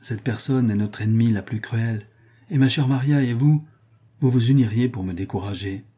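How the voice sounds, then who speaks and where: A man's voice: mid-range voice, normal speed, dark tone, husky, lightly acted. A man reading a grave secretive young nobleman. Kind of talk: audiobook character voice.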